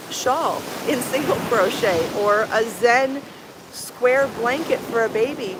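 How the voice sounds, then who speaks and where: On a sandy seaside beach, loud surf crashing behind her, a middle-aged show host who has written a crochet book talks to her livestream viewers. She rambles with enthusiasm, repeats herself, and has a slightly hoarse, fairly high voice with background noise.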